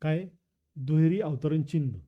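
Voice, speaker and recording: A man with a Marathi accent teaches an exam paper walkthrough lesson, drilling students with repeated questions and answers. His voice is a little high and narrow, his pace measured, and the audio sounds tinny.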